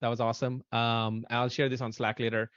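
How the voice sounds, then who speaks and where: A man in his thirties hosting a casual podcast chat, excitable and animated, speaking in quick bursts. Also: mid-range voice, clear, resonant tone, dry recording. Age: 30s. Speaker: podcast host. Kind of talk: casual chat on a video call. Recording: dull, lo-fi, dry audio.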